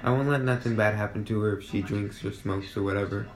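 A man's voice: fairly low pitch, steady tone, fast talker. A young man rambling through stories with a laugh in a casual chat with a friend. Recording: echoey room.

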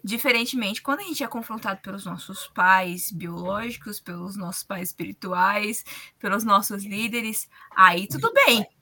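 A woman's voice: medium pitch, moderate pace, bright, forceful tone. A woman with a Brazilian Portuguese accent explaining things colloquially in a religious discussion.

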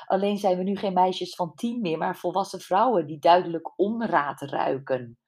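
Woman reader as wry, thoughtful amateur sleuth, husky low storybook voice. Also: normal speed, darkish tone. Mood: teasing. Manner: teasing, thoughtful. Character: amused adult woman amateur detective.

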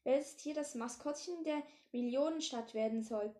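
A woman's voice: high-pitched, moderate pace, mellow, natural voice. A woman voicing a friendly schoolteacher giving her class instructions, read plainly in an echoey room.

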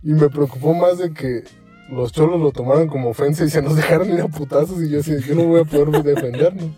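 A man's voice: a little high, fast talker, over music. A young man with a Mexican Spanish accent, telling a story in a casual podcast chat, acting out the quotes in it with lots of slang. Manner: animated, acts out quotes, heavy slang.

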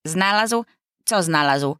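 A woman's voice: fairly low pitch, animated, slow, fairly bright tone, smooth, dry recording, studio quality. A woman doing a puzzled chatty duck. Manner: chatty, literal-minded, rambling.

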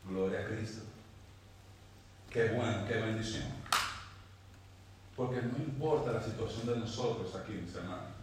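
A man's voice: lowish voice, a little slow, pauses often, background noise. A man preaching a sermon as pastor, fervent and repeating his words for weight. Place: church. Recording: echoey church from far off.

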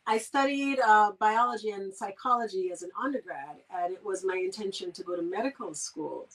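A woman's voice: medium pitch, lively intonation, a little fast, fairly bright tone. A middle-aged woman from Saint Kitts with a Kittitian accent, answering interview questions conversationally as a guest. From Saint Kitts, Caribbean. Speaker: guest, physical therapist. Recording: distant from the microphone.

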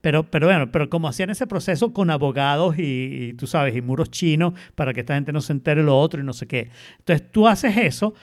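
A man's voice: a little high, expressive. A man co-hosting a casual podcast discussion, talking through ideas with many restarts and "¿no?" tags. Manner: rapid, hesitant restarts, frequent "¿no?" tags. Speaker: podcast co-host.

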